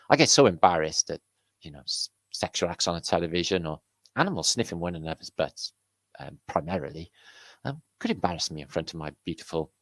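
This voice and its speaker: A British man rambles through an improvised comic voiceover, dropping into silly voices along the way. His pitch swings widely as he riffs on absurd ideas. The sound is dry and close. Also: creaky, a bit bright, no echo. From United Kingdom. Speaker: video commentator.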